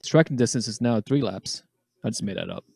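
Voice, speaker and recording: A mid-pitched man in an easy, jokey mood, calling out moves on the track as he watches. Recorded close in a dry room with no echo. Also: brisk, mellow, husky. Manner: jokey, calls the action on screen. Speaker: podcast co-host. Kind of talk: casual race-watching chat.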